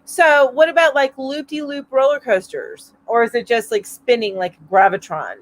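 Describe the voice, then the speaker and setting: Speaking from her mountain-area home, the middle-aged host of a weekly live chat reads out viewer comments, a little stuffy from allergies. Her voice sits high and moves at a moderate pace. She rambles chattily, with frequent laughs and fillers.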